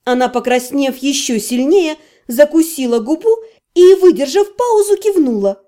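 A woman reads a first-person fantasy audiobook with expressive, animated delivery. Her voice is high, its pitch swings widely, and its tone is dark and mellow. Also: moderate pace. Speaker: audiobook narrator.

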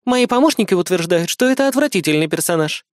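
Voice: mid-range voice, expressive, quick pace, no echo, clean studio sound, voice pushed up, natural voice. A reader voicing a tough young female agent in an audiobook, curt and commanding, with a mocking edge. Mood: stern, sarcastic. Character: tough young woman agent, stern and sarcastic.

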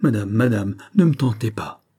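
A male reader playing a tormented nobleman who implores and protests in a dark, mellow voice. A husky grain runs through his storybook delivery. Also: on the low side, lively intonation, normal speed. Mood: overwhelmed. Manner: anguished, imploring. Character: anguished nobleman, a proud minister. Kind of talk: audiobook reading of a classic novel.

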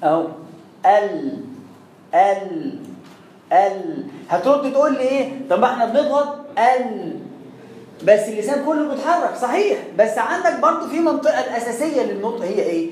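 A man's voice: extremely high pitch, very animated, fast, darkish tone. A man with an Egyptian Arabic accent teaching Quran recitation, demonstrating sounds over and over and asking rhetorical questions. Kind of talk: explanatory classroom lesson. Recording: echoey room with faint noise.

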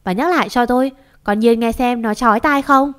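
Woman voicing a brash shouting neighbor woman. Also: mid-range voice, lively intonation, normal speed, lightly acted. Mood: angry. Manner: shouting, insulting. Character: brash, foul-mouthed middle-aged woman neighbor.

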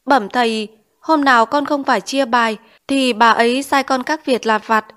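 A woman's voice: a little high, steady tone, moderate pace, fairly bright tone, voice pushed up, lightly acted. A woman voicing a poor, timid schoolboy in an audiobook, answering meekly and politely. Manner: meek, polite address. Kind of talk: audiobook character reading.

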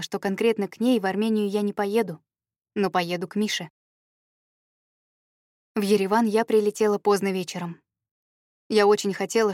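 A woman's voice: mid-range voice, darkish tone, dry recording, clean studio sound. A young woman reading her own memoir aloud as narrator of an audiobook.

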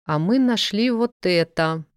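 A cold, commanding baron who interrogates in slow, measured phrases, as a reader plays him. The voice is smooth and dry, recorded close. His tone stays stern and controlled. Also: medium pitch, animated, no echo, voice pushed up, natural voice.

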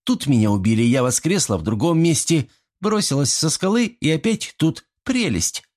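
A man's voice: on the high side, expressive, normal speed, a little mellow, pitched above the performer's own voice. A man voicing a bold, haughty young woman in an audiobook.

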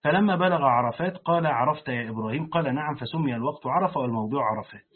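A man reading a Quran commentary aloud and pausing to explain it in plain colloquial speech, like a sheikh teaching a lesson. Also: mid-range voice, breathy edge. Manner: reads the text aloud, then breaks off to explain it in colloquial speech. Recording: tinny phone-like lo-fi recording.

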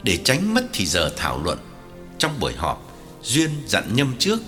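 A man narrating an audiobook story with a lively, wide-ranging delivery. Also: fairly low pitch, measured pace, long reverb tail. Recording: soft music underneath.

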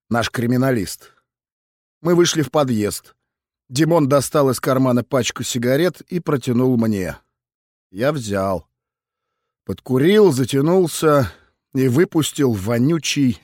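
A man reads a first-person audiobook in a wry, matter-of-fact way. His voice sits at a middle pitch, and the recording is close and dry with no room sound. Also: darkish tone, no room sound. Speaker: audiobook narrator.

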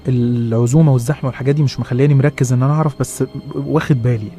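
A man with an Egyptian accent narrating a horror story in a hushed way, restarting his phrases. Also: medium pitch, fairly even intonation, racing, soft background music. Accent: Egyptian Arabic.

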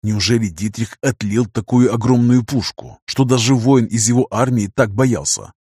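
A man reads a first-person audiobook at a measured pace, easing into a slower delivery whenever he voices speech. His voice sits at an ordinary middle pitch. The close mic makes the sound dry and dead. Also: steady tone, darkish tone, slightly rough, no echo. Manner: measured, slows down for dialogue and dictated letter. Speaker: audiobook narrator.

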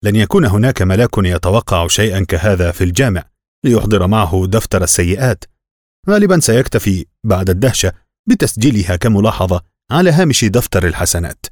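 A man's voice: fairly low pitch, animated, fast talker, darkish tone, no echo, clean studio sound. A man doing a sarcastic village joker.

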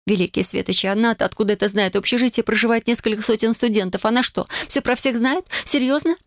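A woman reading a first-person fantasy audiobook, expressive and flustered in the heroine's lines. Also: a little high, quick pace, no room sound, studio quality. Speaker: audiobook narrator.

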